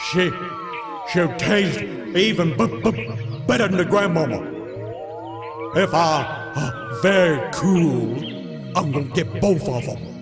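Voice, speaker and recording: A man's voice: fairly high pitch, animated, slow, pauses often, music in the background. A man voicing a lecherous old wolf in a comic puppet film, stammering and hesitant. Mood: sly.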